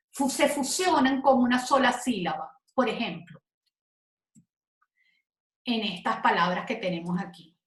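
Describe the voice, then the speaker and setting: A woman teaching a spoken grammar lesson, going slowly and carefully and stretching example words out syllable by syllable. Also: on the high side. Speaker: Spanish teacher. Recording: echoey room.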